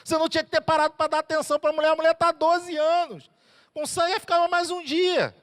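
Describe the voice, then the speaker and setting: A man voicing a grieving father who loudly accuses a healer of arriving too late. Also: steady tone, fast. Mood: indignant. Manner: accusing, high and loud.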